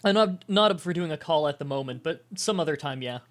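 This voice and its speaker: A congested man wearing a nasal strip, short of breath, chatting casually to viewers as a live streamer and pausing to breathe. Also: a little high, expressive. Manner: halting, with pauses to breathe and throat clearing. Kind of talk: casual livestream chat to viewers. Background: music.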